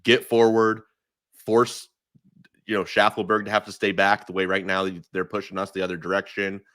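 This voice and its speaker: A man's voice: low-pitched, flat delivery, fast talker, bright, forceful tone, dry recording, studio quality. A man giving emphatic, opinionated takes as a guest in a casual podcast chat, often restarting his sentences. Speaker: guest analyst.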